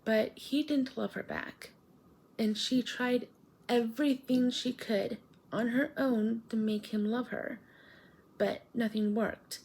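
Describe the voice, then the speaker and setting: A woman's voice: on the high side, steady tone, slow pace, a little mellow, husky. A woman talking casually and hesitantly in a late-night challenge vlog, rambling as she goes. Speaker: vlogger.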